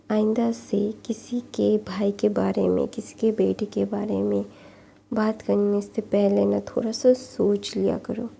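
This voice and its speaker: Gravelly, dark-voiced woman telling a story. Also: medium pitch. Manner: retells in a loose, halting way with many fillers and restarts. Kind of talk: casual retelling of a fan fiction story.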